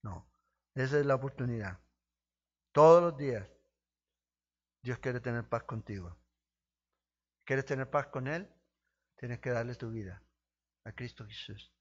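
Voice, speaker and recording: A male pastor delivers a sermon with impassioned emphasis, swinging from loud, high peaks down to low, quiet stretches. He speaks straight to his listeners with rhetorical questions. The recording is a little dull and lo-fi, in a mid-range voice. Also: unhurried, long pauses. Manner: impassioned preaching, rising to emphatic peaks then dropping low.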